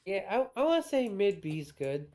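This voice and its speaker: A woman in a casual gaming chat, talking slowly and thoughtfully, with pauses and ums. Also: medium pitch, very animated, background noise. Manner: slow, thoughtful, hesitant with ums. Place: home streaming setup.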